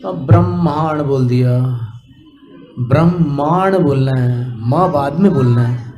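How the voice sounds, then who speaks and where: Slow-chanting man teaching hymn recitation. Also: medium pitch, echoey room, music in the background. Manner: slow melodic chanting, then quick corrections. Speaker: Jain monk teaching chanting. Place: temple hall.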